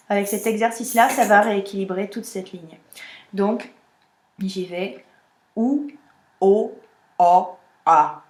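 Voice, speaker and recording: A woman's voice: mid-range voice, darkish tone, roomy sound. A woman singing teacher explaining a vocal technique exercise and demonstrating vowel sounds with her own voice.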